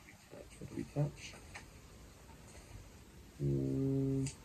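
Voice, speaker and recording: A man's voice: fairly low pitch, little pitch movement, normal speed, creaky, darkish tone, slight background noise, poor audio. A man reading an adventure gamebook aloud as he plays, muttering over his dice rolls and choices with hesitant fillers. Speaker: gamebook player and reader.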